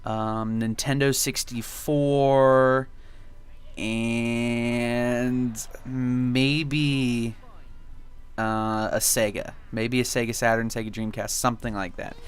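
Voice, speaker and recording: A man's voice: medium pitch, little pitch movement, slow, smooth. A young man reminiscing casually in gameplay commentary, with a laid-back, rambling and nostalgic way of talking. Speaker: video game commentary host.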